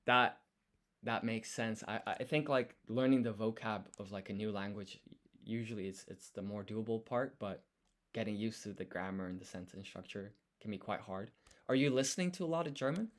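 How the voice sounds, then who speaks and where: In a laid-back live study session, a streamer learning Japanese talks in a voice on the low side at normal speed. He reasons through things out loud, pronouncing words one syllable at a time.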